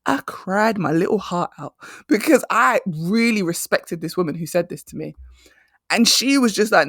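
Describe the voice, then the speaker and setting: A career coach in her thirties hosts a motivational career podcast, speaking emphatically and repeating her key phrases. Her voice is low-ish and gravelly, recorded in clean studio quality with no echo.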